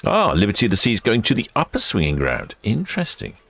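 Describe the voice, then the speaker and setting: A man with a deep voice hosts a casual livestream. He gives chatty commentary on passing ships and muses aloud. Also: huge pitch swings, fast talker, creaky, a bit bright, faint music behind. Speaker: livestream host. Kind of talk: casual live ship-spotting commentary.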